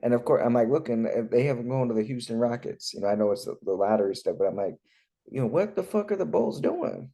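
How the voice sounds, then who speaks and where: A man's voice: mid-range voice, expressive, quick pace, creaky, mellow. A man co-hosting a podcast, chatting casually and joking. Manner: laid-back, joking, trails off into laughs. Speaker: podcast co-host. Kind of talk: casual chat.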